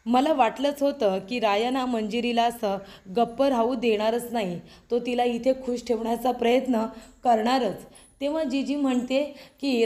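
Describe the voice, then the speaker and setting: Recapping a TV serial episode in voice-over, a woman retells the characters' dialogue with emphatic, scolding delivery. Her voice is on the high side and warm, and she has a Marathi accent.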